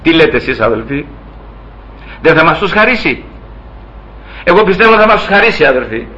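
Man preaching, kinda high bright voice, keeps saying brothers, dull lo-fi sound. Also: big pitch swings. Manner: keeps addressing the listeners as brothers; emphatic, repeats phrases and acts out quoted speech. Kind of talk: sermon.

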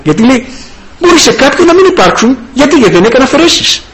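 A man's voice: sing-song, fairly bright tone, poor audio. A man preaching a sermon with passion, breaking into hallelujahs. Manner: impassioned, rising and falling pitch, many hallelujahs.

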